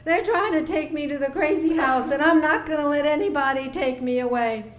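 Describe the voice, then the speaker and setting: A woman's voice: high-pitched, fairly quick, reverberant, voice pushed up, lightly acted. A woman voicing a whiny, desperate troubled man in a thin little voice.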